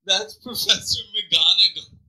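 A man's voice: high voice, measured pace, sharp tone, rough recording. A young man reading a bad fanfic aloud to friends, wry and amused, stopping to comment and laugh. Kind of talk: dramatic read-aloud with commentary.

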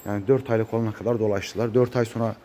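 Lowish in pitch, steady and warm, the voice of this cattle farmer moves fast even though a cold has made it muffled and congested. He's vlogging casually for viewers from an open-sided barn with a metal roof, and his handheld phone captures a noisy recording.

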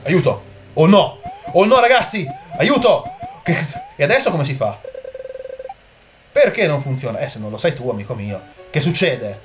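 A man streaming live gameplay, excitable and often swearing as he talks to his chat. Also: medium pitch, moderate pace, soft background music.

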